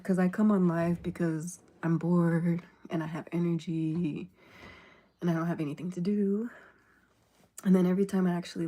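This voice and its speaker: A woman's voice: fairly low pitch, warm tone. A woman chatting casually on a livestream, laid-back and rambling, often dropping into a half-whisper. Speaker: livestream host.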